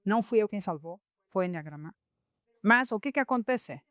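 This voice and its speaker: In a podcast chat, an Enneagram teacher patiently explains personality types, her medium-pitched voice animated and fairly quick. She illustrates points with real cases, acting out quotes, and the studio-quality audio has no echo.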